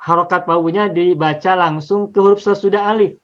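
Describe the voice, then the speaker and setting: A man's voice: sits high, fairly even intonation, brisk, a bit bright, highs cut off. A man teaching an Arabic linguistics lesson on the Quran, explaining patiently step by step and repeating examples.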